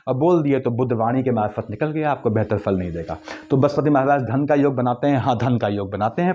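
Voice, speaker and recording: A man giving a quick, lecturing astrology forecast, weaving English terms into his explanations. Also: a little high, a little mellow, highs cut off. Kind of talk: monthly horoscope talk.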